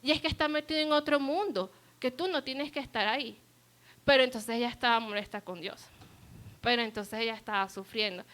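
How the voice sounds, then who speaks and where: A woman's voice: on the high side, a little fast, a bit bright. A woman preaching a sermon at a church service, earnest and asking the congregation rhetorical questions.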